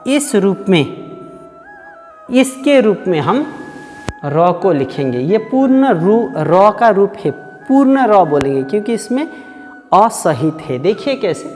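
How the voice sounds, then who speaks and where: A man teaching a Hindi grammar lesson for exam preparation. He repeats the sounds aloud, slowly and many times. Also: sits high, very animated, a little mellow, long reverb tail, faint music behind. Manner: slow, repetitive, drills sounds aloud.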